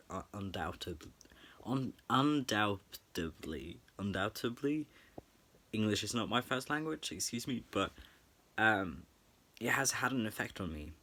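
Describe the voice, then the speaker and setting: A young man with a somewhat low voice, speaking softly and earnestly into his camera. He reflects slowly and haltingly, often pausing and restarting mid-thought. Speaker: vlogger. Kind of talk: late-night personal reflection.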